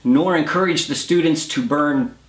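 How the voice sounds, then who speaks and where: A man playing a defensive, flustered male professor in a screen drama, halting and evasive, in a roomy recording. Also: a little high, natural voice. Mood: strained politeness. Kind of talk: naturalistic screen acting.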